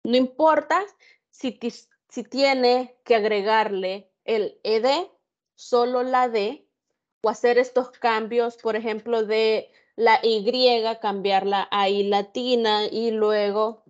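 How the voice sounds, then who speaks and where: A woman teaching an online grammar lesson, her voice sitting a little high. She talks very slowly and carefully, checking in with her students as she goes. The sound is muffled and lo-fi, as from a computer mic. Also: fairly even intonation. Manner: slow, careful explaining with examples and questions. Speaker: English tutor. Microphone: computer mic on an online class.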